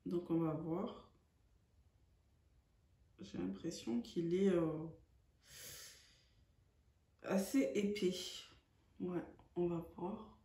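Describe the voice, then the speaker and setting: A woman's voice: lowish voice, extremely slow, pauses often, warm tone. A woman chatting through a makeup tutorial, hesitant and full of fillers. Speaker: beauty vlogger. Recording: echoey room.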